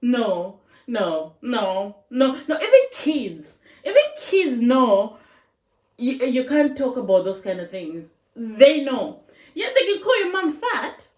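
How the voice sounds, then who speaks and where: With a fairly high, sing-song voice and a slow pace, a woman vlogger comments casually on online videos, stressing her views, repeating herself and asking rhetorical questions. The mic is distant, leaving her a bit off-mic in a roomy echo.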